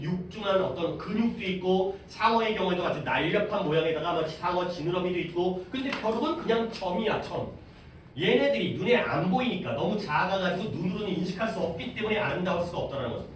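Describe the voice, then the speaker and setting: A male teacher explains a reading passage to his class, stopping often to ask questions and answer them himself. His voice sits high and moves a lot in pitch. The sound is very echoey, picked up from across the room with faint noise behind. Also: distant mic. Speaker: high school English teacher.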